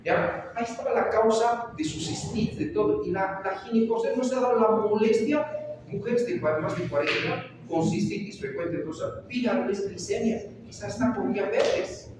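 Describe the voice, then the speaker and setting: A woman's voice: medium pitch, moderate pace, background noise. A woman doctor lecturing medical students, mixing clinical anecdotes into the lesson and often checking in with her listeners. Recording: echoey hall recorded from far off.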